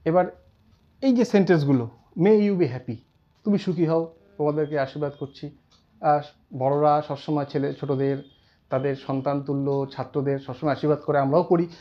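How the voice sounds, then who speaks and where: English teacher guy, fairly high voice, dull lo-fi sound, repeats stuff slowly. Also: steady tone. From India. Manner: explains slowly, repeats terms, quotes example sentences. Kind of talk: classroom grammar lesson.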